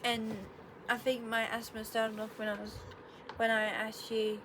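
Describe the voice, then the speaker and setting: Speaking in a monotone at a moderate pace, this fairly high-pitched young woman sounds a little stuffed up as she vlogs casually from her bedroom. She rambles, backtracks to correct herself, and tosses in sarcastic comments while explaining things. There's noticeable background noise from the room.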